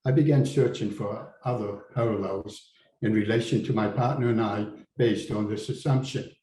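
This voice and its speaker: A man reading his personal essay aloud at a public event, earnest and deliberate. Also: lowish voice, mellow, a little hiss or hum. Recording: roomy venue with faint ambience.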